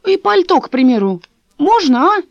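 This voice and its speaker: A woman's voice: very high-pitched, big pitch swings, normal speed, no room sound, pitched above the performer's own voice, exaggerated voice. A woman voicing a fussy, suspicious old female neighbor who chatters and repeats herself, on a dull, dry recording. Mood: wary, wheedling.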